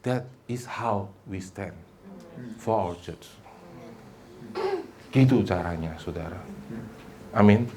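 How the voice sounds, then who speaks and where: Animated male pastor preaching to a congregation. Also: sits low, slow pace, long pauses, noisy background. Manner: mixes English phrases into preaching, calls out to the congregation; animated, acts out scenes like shouting for a medic. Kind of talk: sermon. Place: church hall. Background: congregation responding.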